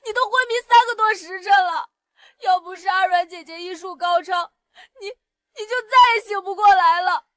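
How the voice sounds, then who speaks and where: A woman voicing a hot-tempered young noblewoman who shouts through her tears. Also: extremely high pitch, normal speed, dry recording, clean studio sound. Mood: tearful shouting.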